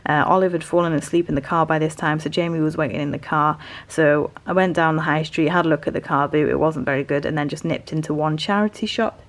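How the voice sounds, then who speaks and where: Low-pitched British woman, casual and rambling. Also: steady tone, quick pace, hardly any pauses. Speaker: reseller vlogger. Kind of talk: casual haul commentary.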